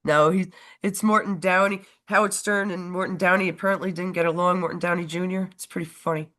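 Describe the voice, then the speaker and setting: Her pitch is fairly low and her tone steady and fairly bright as she talks briskly on a casual political livestream she co-hosts. She has a cold that leaves her stuffed up, and she rambles, cuts herself off mid-sentence, and laughs frequently.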